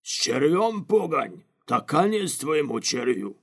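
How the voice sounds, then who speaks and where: A man voicing a hostile male gang member shouting taunts from cover. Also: a little high, very animated, slow pace, gravelly, voice pushed up, full character voice.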